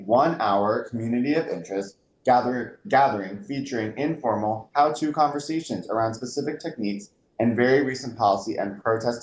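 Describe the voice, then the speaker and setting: A man's voice: medium pitch, darkish tone. Guy announcing something upbeat, roomy echo. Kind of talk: scripted announcement. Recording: roomy echo with faint noise.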